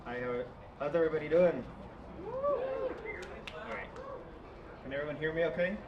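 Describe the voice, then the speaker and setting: A man from New York City gives a loose, self-deprecating live talk, leaning on his notes. His voice is heard from a distance in an echoey room. The sound is dull and carries clear noise behind it. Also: on the high side, wildly swooping pitch, normal speed. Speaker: guest speaker. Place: live event venue.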